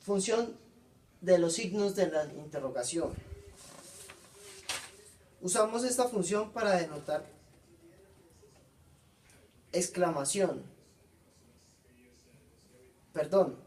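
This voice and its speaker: Man, class presentation, halting, corrects himself, fairly high voice, distant mic. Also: lively intonation, darkish tone. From Colombia. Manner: halting, frequent self-corrections.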